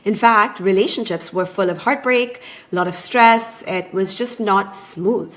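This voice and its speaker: Podcast guest, female, 30s, relationship coach, mid-pitched voice, measured and reflective delivery. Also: a bit bright. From born in Taiwan, raised in Japan. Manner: thoughtful, measured storytelling. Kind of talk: conversational podcast interview.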